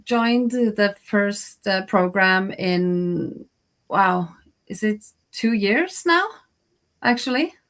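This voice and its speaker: A Norwegian freelance translator answers interview questions as a guest on a video call, her medium-pitched voice animated and a bit bright. She speaks slowly and hesitantly with many "uh"s and fillers, and laughs easily.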